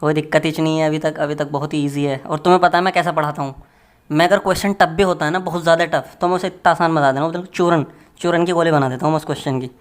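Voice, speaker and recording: A man's voice: on the high side, fairly even intonation, fast talker. A man teaching a maths lesson in a casual, joking way, chatting to his students as friends while working through problems. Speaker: maths tutor.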